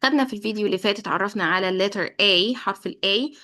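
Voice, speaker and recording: A woman's voice: medium pitch, very fast, pushed and bright. A young adult woman with an Egyptian Arabic accent, teaching children's English basics patiently and repeating each point twice. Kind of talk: explanatory lesson.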